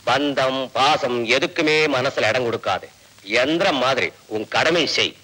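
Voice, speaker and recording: An actor playing a calm older uncle who firmly advises his nephew to do his duty. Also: mid-range voice, poor audio. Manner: firm, measured counsel. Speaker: uncle giving advice.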